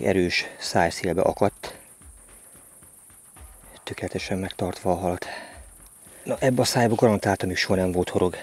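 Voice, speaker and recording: Deep-voiced man calling out at a river. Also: breathy edge. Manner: excited exclamations while fighting a fish. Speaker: angler. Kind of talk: fishing vlog commentary. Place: outdoors by a river. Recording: outdoor noise with crickets and insects.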